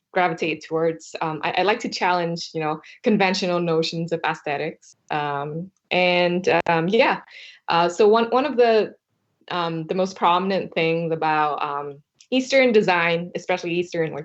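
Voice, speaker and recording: A young woman from Vietnam, a podcast guest, speaking in a hesitant way with many filler words and restarts. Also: lowish voice. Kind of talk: casual interview chat. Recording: dull lo-fi sound.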